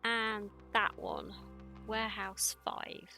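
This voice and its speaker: A woman's voice: mid-range voice, level tone, slow pace, over music. A woman streaming a detective game, chatting casually and muttering to herself as she plays. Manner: chatty, muttering, swears under her breath. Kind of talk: casual gameplay commentary.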